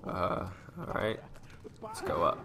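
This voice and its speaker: A man's voice: slow pace, a crowd in the background. A young man joking through a casual let's-play commentary as a gaming YouTuber. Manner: goofy, playful, joking. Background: game audio.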